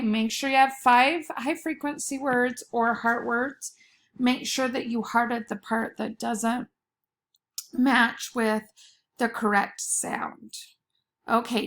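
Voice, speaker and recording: A woman teaching young pupils, giving spelling dictation in a fairly high voice with plenty of creak. She speaks at a slow pace, setting key words apart and repeating them with care. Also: fairly even intonation, a bit bright. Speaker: elementary school teacher.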